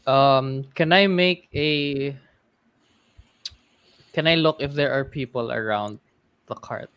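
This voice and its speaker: A man playing a tabletop game, playful and quick to laugh, dropping in Tagalog words. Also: mid-range voice, a bit bright, clean tone. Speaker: player. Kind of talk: casual tabletop play.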